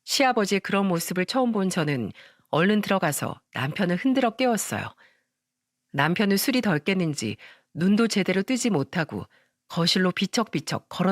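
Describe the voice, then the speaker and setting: A woman narrating a first-person family story in a calm, even storytelling manner. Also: on the low side, dry recording, studio quality.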